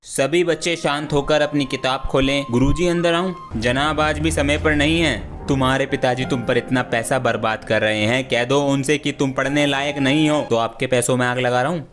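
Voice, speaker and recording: A man's voice: mid-range voice, steady tone, normal speed, few pauses, music in the background. A man acting out comedy skits in a stern, scolding tone.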